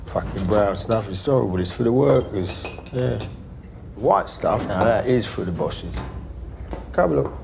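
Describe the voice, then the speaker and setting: Unhinged mob boss, low gravelly voice, lurching from bluster to whispers, over a noisy soundtrack. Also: male voice, exaggerated voice. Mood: mocking. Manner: rambling, swings from loud jovial bluster to menacing whispers. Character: volatile London gangster, bakery-distillery boss, middle-aged man.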